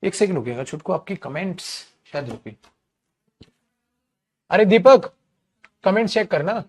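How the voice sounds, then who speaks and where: A man's voice: sits high, big pitch swings, a little slow, slightly rough. A man teaching English grammar in an online class, calling students "beta" and repeating key terms, acting out little scenes with students and their mothers. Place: streaming class, checking live comments.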